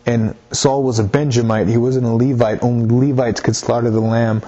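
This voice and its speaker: A man's voice: mid-range voice, fairly even intonation, normal speed, mellow. A man preaching a sermon, reading scripture and explaining it, earnest, often repeating himself as he urges his listeners on. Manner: earnest, repeats phrases, exhorts listeners directly. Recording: slightly dull lo-fi recording.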